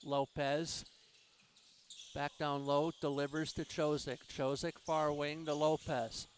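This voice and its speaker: A man calling play-by-play at a handball game in a measured, steady way. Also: on the high side, slight background noise. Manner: measured, calls the action. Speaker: play-by-play commentator. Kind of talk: sports play-by-play.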